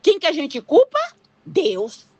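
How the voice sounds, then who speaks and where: An older woman with a Brazilian Portuguese accent gives an informal sermon at a church. She talks to the congregation like a neighbour, dropping tag questions and rhetorical asides as she goes. Her pitch sits at an ordinary middle height for a woman. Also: animated, a little slow, dry recording. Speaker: preacher.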